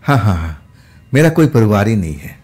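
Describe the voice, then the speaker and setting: A man's voice: fairly low pitch, big pitch swings, normal speed. A man voicing a sweet, fearless ghost girl. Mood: gently familiar. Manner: soft, familiar, using intimate address. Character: kind young female ghost, familiar and fearless.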